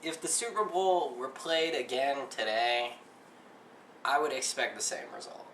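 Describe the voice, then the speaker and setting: A man's voice: medium pitch, lively intonation, measured pace, fairly bright tone. A young man co-hosting a mock sports talk show, talking in a pompous news anchor manner. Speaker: co-host. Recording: echoey room, mic at a distance, faint hiss.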